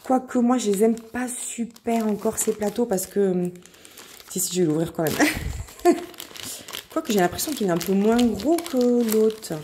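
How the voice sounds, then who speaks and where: A woman vlogger chatting casually while unboxing craft kits, excitable and full of hesitations. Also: medium pitch, brisk, noisy background. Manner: chatty, filler-heavy, excitable.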